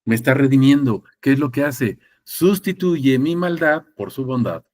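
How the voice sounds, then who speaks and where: Male preacher, mid-pitched voice, teaching sermon, repeats phrases, swings between loud and quiet. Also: expressive, moderate pace. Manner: teaching with rhetorical questions, repeating phrases for emphasis; switches between loud emphatic and quiet passages.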